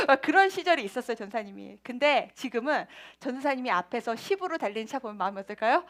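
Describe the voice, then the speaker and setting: A woman. She sits high in her register and swings her pitch widely, playful and quick to laugh. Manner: lively, playful, laughs often and acts out voices. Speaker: children's ministry preacher. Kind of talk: children's sermon.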